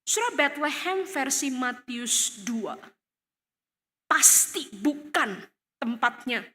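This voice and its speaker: A woman's voice: sits high, lively intonation, slow. A woman preaching a sermon in a church hall, with an Indonesian accent, telling the story dramatically and crying out in the voices of the people in it. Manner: dramatic, acts out scenes with sudden loud cries. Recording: long hall reverb.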